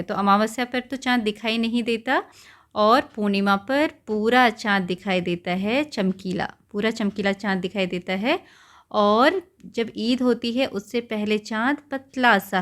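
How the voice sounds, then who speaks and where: A woman's voice: mid-range voice, a bit bright. A woman teacher patiently explaining a textbook lesson to young children, repeating words and stopping to explain their meanings. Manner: often checks in with "okay" and "right".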